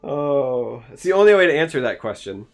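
A man's voice: medium pitch, sing-song, moderate pace. Wry, self-deprecating American man. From Michigan, United States. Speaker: co-host. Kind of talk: casual chat.

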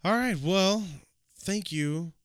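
A man's voice: high voice, takes it slowly, clear, resonant tone, no echo, clean studio sound. A man co-hosting a casual late-night podcast, laid-back and jokey. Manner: laid-back, jokey, sings snatches of songs. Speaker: podcast co-host.

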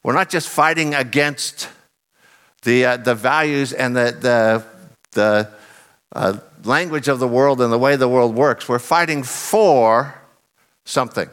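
A middle-aged man, his voice a little hoarse and lowered from belting out songs, preaches with earnest conviction. He leans firmly on key phrases and keeps a measured pace.

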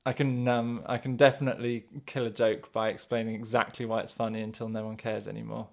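A man co-hosting a casual podcast, talking in a halting, hedging way, restarting and correcting himself as he searches for words. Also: on the low side, little pitch movement, vocal fry, darkish tone. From England. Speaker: podcast co-host.

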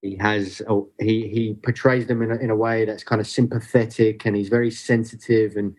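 A man's voice: lowish voice, flat delivery, a little mellow. A man, a guest photographer talking earnestly and unhurriedly in a casual podcast chat. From Southeast London. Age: 30s. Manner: earnest, unhurried, restarts phrases.

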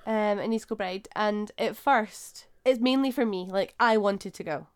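Clear-voiced Scottish woman chatting casually. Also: mid-range voice, a little slow. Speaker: podcast co-host. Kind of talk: casual chat.

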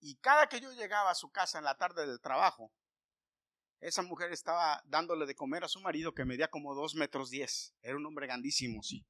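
A man preaching a sermon, telling a personal story and then building to loud, emphatic exhortation. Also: a little high, lively intonation, fairly quick, dry recording, clean studio sound.

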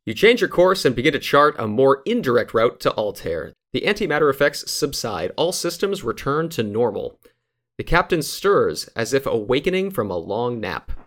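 An animated host reading a gamebook aloud to friends. The voice is mid-pitched and moves a lot as they narrate, with jokes thrown in between the passages. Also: moderate pace, soft background music. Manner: animated and joking.

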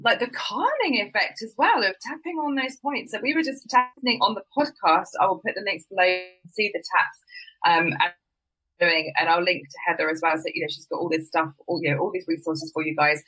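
A woman's voice: on the low side, brisk, sharp tone, husky, rough recording. A woman hosting a podcast and live stream, chatting in a bubbly, gushing way and laughing often. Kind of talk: casual interview chat.

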